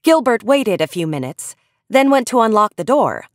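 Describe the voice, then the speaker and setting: A woman reading a children's story aloud in an expressive storytelling manner. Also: on the high side, moderate pace, dry recording, studio quality. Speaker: audiobook reader.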